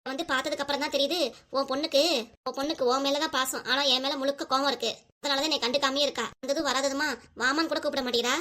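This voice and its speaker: A woman's voice: sits high, steady tone, racing, bright, forceful tone. A woman voicing a sarcastic, grumbling village mother. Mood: resentful. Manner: sarcastic, complaining. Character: grumbling sharp-tongued village mother, middle-aged woman. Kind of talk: cartoon family drama voice acting.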